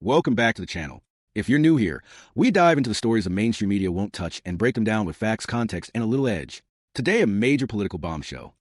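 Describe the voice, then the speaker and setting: A man narrates scripted political commentary in a low register, moving quickly with lively swings of pitch. His phrasing is punchy and dramatic, as a channel host would deliver it, and the recording is close and dry. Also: no echo. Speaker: YouTube news commentary host.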